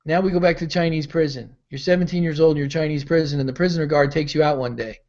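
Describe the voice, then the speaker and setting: A man's voice: a little high, fairly even intonation, fast, a little mellow. A middle-aged man giving a motivational mentoring talk on a call, telling stories and acting out the voices in them. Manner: storytelling, acting out quoted voices. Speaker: mentor and pastor. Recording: dull lo-fi call audio.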